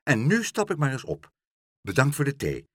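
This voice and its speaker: Fussy clean-freak housewife, read by a man, prim and indignant, husky voice, storybook. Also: medium pitch, wildly swooping pitch, moderate pace, a bit bright, no room sound, studio quality, voice pushed up. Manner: prim, shocked, easily indignant. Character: fussy middle-aged woman obsessed with cleanliness.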